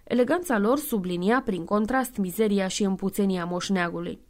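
A woman reading a novel aloud as an audiobook in a measured, clear way, including spoken footnotes. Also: medium pitch. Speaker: audiobook reader. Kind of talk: scripted narration.

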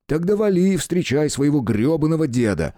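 Man playing a rough foul-mouthed tough guy, threatening, dark voice, dry sound. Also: on the high side, sing-song, brisk, no echo, pitched above the performer's own voice. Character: gruff short-tempered threatening man.

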